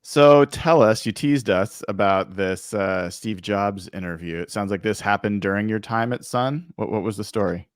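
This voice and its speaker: A podcast host with a low voice, recorded dry and close. He asks long interview questions, often restarting his sentences as he searches for words. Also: normal speed, few pauses, clear, resonant tone, dry recording.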